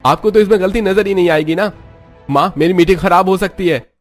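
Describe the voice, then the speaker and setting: A man voicing a short-tempered young husband who talks in an irritable, shouting way. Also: fairly high pitch, a little fast, faint music behind, pitched above the performer's own voice, close to an everyday voice. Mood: angry. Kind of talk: cartoon story voice acting.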